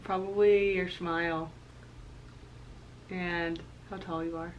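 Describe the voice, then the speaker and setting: A young woman co-hosting a casual question-and-answer chat with her husband, talking fast and loose with lots of "like" and frequent laughter. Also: on the low side, flat delivery, muffled recording, a little hiss or hum. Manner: chatty, laughs often, lots of "like". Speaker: co-host of a couple's channel.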